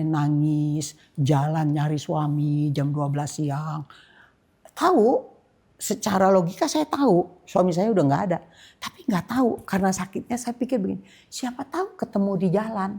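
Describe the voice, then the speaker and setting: Husky low-voiced older woman telling her testimony. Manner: emotional storytelling, shifting to soft whispers and loud outbursts. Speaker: guest pastor. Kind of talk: personal testimony in a church podcast.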